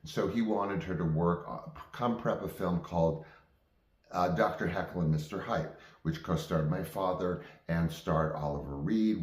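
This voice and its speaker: Very low-voiced man, halting and roomy. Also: darkish tone. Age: 50s. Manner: halting, digressive. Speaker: vlog host telling personal stories. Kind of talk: casual reminiscing monologue. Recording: roomy, echoing sound.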